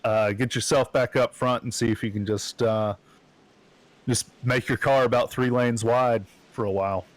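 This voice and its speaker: A man giving relaxed sim racing color commentary, hesitant with frequent fillers. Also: medium pitch, normal speed, no room sound.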